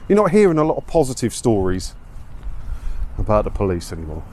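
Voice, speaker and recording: This vlogger's fairly low, darkish voice swoops wildly in pitch and moves fairly quickly. Out walking through an English seaside town amid windy street noise, he casually grouses about the news with sardonic rhetorical questions.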